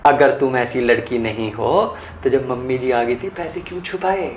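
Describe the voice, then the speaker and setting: A man's voice: mid-range voice, normal speed, roomy sound, lightly acted, poor audio. A man playing a brazen, pushy house servant in a family drama skit, wheedling and insistent. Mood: insisting. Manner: wheedling and insistent, keeps pressing money.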